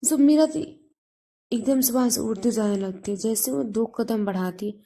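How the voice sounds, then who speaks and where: A woman's voice: on the high side, moderate pace, warm tone. A woman narrating a Hindi love story casually, with repeated fillers as she tells it.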